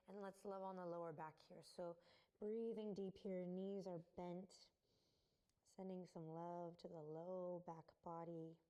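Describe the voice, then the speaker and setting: A young adult woman leading a yoga class, giving calm, encouraging cues timed to the breath, with a light laugh now and then. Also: lowish voice. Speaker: yoga teacher. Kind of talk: guided yoga class instruction.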